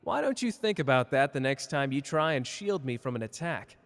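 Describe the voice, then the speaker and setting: A man's voice: medium pitch, sing-song, normal speed. Man acting cocky, flirty Gojo in long reverb. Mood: annoyed, defensive. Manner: teasing, casual, boastful. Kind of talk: ASMR character roleplay addressed to listener.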